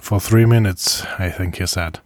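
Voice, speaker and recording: A man speaking in a casual first-person travel diary, halting, with frequent pauses and restarts and soft chuckles between phrases. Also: deep voice, no echo. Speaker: traveler recording a video diary.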